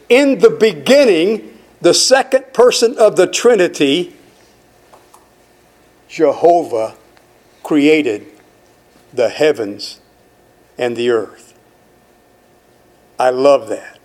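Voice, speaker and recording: A man preaching a sermon, slow and emphatic, building repeated refrains and putting questions to his listeners. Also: fairly high pitch, darkish tone. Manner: asks the audience questions.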